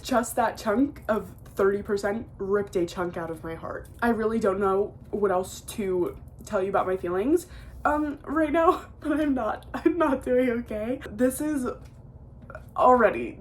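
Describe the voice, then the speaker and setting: A woman's voice: mid-range voice, a little hiss or hum. A teenage girl talking casually and emotionally at home about a book she is reading, full of fillers. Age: teens. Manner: gushing, emotional, filler-heavy. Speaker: book vlogger.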